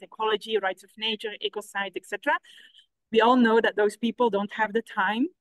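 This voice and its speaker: A middle-aged woman from Belgium, a researcher explaining her project at an online conference in a measured way with some restarts. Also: medium pitch, no room sound, low-quality recording. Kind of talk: conference talk over a video call. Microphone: video call.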